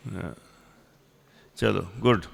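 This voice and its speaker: A man teaching a religious class, slowly repeating definitions and quizzing and scolding his pupils. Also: low voice, gravelly, breathy edge, in a large hall. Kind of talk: classroom lesson with questions to students.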